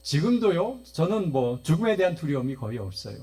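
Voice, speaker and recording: Man, pastor, Sunday sermon, church service, storytelling, fairly high voice, slightly raspy. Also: sing-song, a little fast, warm tone. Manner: storytelling, often addresses the congregation directly.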